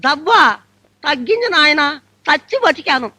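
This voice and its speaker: An actress playing a deaf, frail ninety-one-year-old bride who mishears everything in a quavering voice. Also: female voice, high-pitched, expressive, moderate pace, pushed and bright, dry recording. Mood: confused. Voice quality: quavering, hard-of-hearing mishearing.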